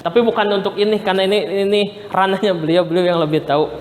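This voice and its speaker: A man's voice: sits high, rapid-fire. A man facilitating a workshop, explaining a technique in a loose, restarting way. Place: hall. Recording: echoey hall with faint background noise.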